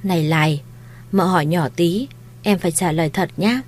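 A woman voicing a kind, shrewd young mistress of a household, speaking in a gentle, coaxing, reassuring way. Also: on the low side, moderate pace, close to an everyday voice.

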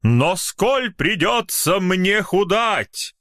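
A man voicing a pompous rustic poet who declaims in slow, mock-solemn tones. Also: high-pitched, big pitch swings, a bit bright, dry recording, clean studio sound, voice pushed up, full character voice. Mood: declaiming.

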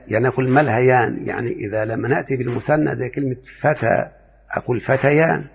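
A man with an Egyptian accent teaching a lesson from a set text, calling on his students and repeating example words slowly. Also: mid-range voice, vocal fry, husky, big-room sound, narrow, tinny audio. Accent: Egyptian Arabic. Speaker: Arabic morphology teacher. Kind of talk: classroom lesson explaining a text.

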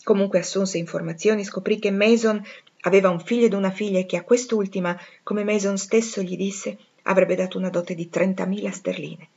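Rochester-like: a proud, passionate gentleman, as a woman reads him in an audiobook, intense and pleading. Her mid-pitched voice keeps its own sound. The recording is dull and lo-fi. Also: fairly even intonation, a little fast, slightly rough. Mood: confiding. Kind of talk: audiobook reading.

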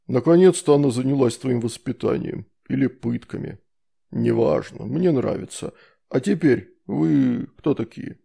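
List: man playing a grumpy demon, slow drawl, menacing, gravelly, dark. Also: medium pitch, heavily acted. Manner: slow, drawling, hissing threats.

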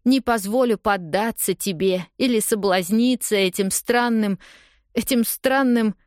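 A woman's voice: medium pitch, unhurried, darkish tone, no room sound, clean studio sound, voice pushed up, close to an everyday voice. A woman reading an audiobook, voicing a hurt young woman who confronts her lover in a raised, pleading, accusing voice.

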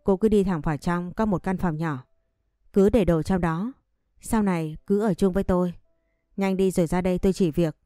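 A woman voicing a kind, calm middle-aged servant giving instructions in a storybook reading. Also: lowish voice, normal speed, smooth, no echo, studio quality, soft background music, natural voice. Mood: kindly.

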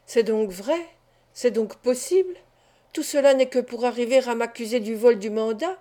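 A woman's voice: a little high, moderate pace, mellow, natural voice. A woman voicing an accused man in an audiobook, protesting his innocence with growing desperation. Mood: indignant. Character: accused male clerk, indignant and desperate.

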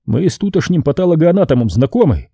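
A man's voice: on the high side, sing-song, fast, gravelly, dark tone, slightly rough, no room sound, voice pushed up, exaggerated voice. A man voicing a wry middle-aged male colonel with a dry, businesslike manner.

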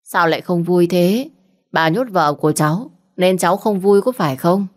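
A woman's voice: fairly low pitch, normal speed, natural voice. Stern old grandmother matriarch, read by a woman. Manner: authoritative, lecturing.

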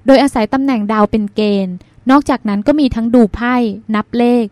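A woman reading the part of a thoughtful, earnest woman doctor in an audiobook, speaking in a measured, reasoning way. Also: a little high, darkish tone, no echo, lightly acted. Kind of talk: audiobook dialogue.

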